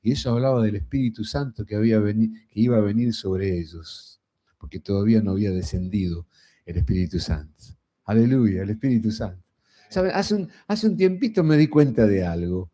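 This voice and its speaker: A man's voice: fairly low pitch, lively intonation, fairly quick, warm tone. A middle-aged man with a Rioplatense Spanish accent preaching a sermon in a folksy, conversational way, often tossing in a rhetorical "¿no?".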